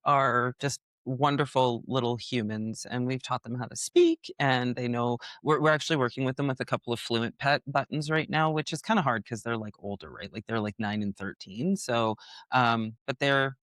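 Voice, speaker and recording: A woman's voice: a bass voice, steady tone, moderate pace, no room sound, clean studio sound. A woman hosting a podcast, chatting in an upbeat, rambling way with lots of fillers and restarts. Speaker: podcast host. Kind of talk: casual podcast chat.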